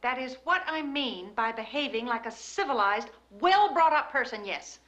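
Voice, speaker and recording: A woman's voice: high voice, animated, moderate pace, fairly bright tone. An actress playing a volatile middle-aged mother in a screen drama, emphatic and cutting. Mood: wounded, cutting. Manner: theatrical, emphatic. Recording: roomy, clearly echoing, faint background noise.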